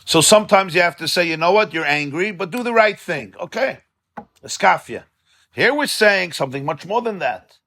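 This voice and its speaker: A rabbi teaching a class in a study hall gives an informal, impassioned religious lecture, conversational in style, repeating words for emphasis and mixing in Yiddish and Hebrew terms. His high voice is animated and sharp, at a normal speed.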